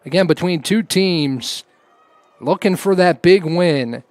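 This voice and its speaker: A man's voice: high-pitched, takes it slowly, dry recording. A man giving live play-by-play commentary on a lacrosse game. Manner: raises voice to a shout on goals.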